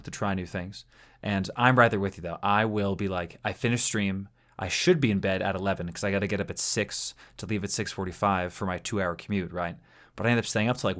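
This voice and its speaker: A man's voice: low-pitched, fairly bright tone. A man hosting a podcast, chatting casually and self-deprecatingly with a guest and laughing often. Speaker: podcast host and streamer.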